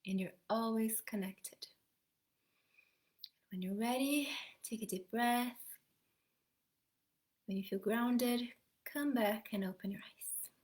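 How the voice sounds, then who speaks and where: Soft-spoken woman guiding a meditation. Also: fairly high pitch. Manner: soft, slow, half-whispered guidance. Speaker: energy healer. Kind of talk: guided meditation.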